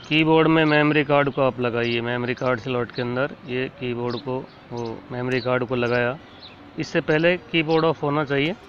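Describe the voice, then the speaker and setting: A man calmly explaining, step by step, how to load files onto a keyboard, talking while he demonstrates. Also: mid-range voice. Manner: plain, instructive, talks while demonstrating. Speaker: keyboard tutorial host. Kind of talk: casual step-by-step tutorial. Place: indoors at a computer and keyboard. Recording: dull lo-fi sound with faint noise.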